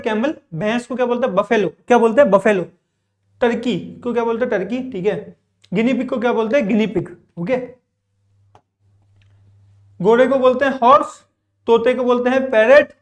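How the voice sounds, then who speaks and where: With an extremely high pitch, a male English teacher leads a classroom vocabulary lesson. He quizzes himself and answers in repetitive drills, explaining patiently and checking in often.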